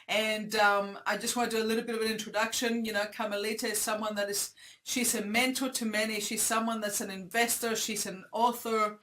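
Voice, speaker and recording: A woman hosting an interview on a video call, asking questions in a measured, encouraging way. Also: mid-range voice, little pitch movement, fairly bright tone. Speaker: interviewer, host.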